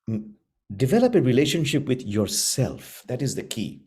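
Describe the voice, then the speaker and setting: A middle-aged man teaching a spiritual class, speaking slowly and earnestly with repeated phrases and long pauses. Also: mid-range voice, very animated, warm tone, husky. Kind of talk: gentle spiritual class talk.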